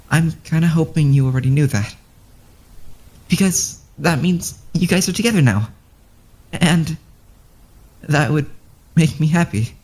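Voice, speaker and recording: A grieving student from a fan-made game, voiced by an actor, speaking very slowly in a husky voice. The words come out halting and broken, full of stammers and sighs. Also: medium pitch, a little mellow. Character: grieving student talking to departed friends.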